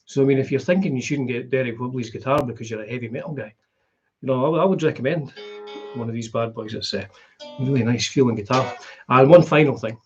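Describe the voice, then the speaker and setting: Husky middle-aged man, broad Scottish accent. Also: mid-range voice, fast, darkish tone, dull audio, faint music behind. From Scotland. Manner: rambling, conversational. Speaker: guitar vlogger hosting a live stream. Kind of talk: casual chat.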